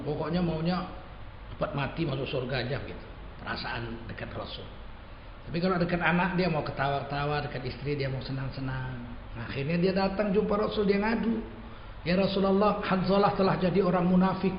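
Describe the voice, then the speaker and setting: Lively high-voiced preacher in an echoey hall. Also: male voice, brisk. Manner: animated, chatty, addresses the congregation directly. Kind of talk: storytelling sermon in casual everyday speech. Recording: echoey hall, dull lo-fi sound, faint noise.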